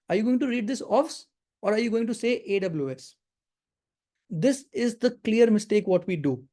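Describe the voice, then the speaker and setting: This man, a career coach, hosts a live webinar for an audience, offering advice earnestly while often repeating words and checking in with listeners. His voice is high and warm.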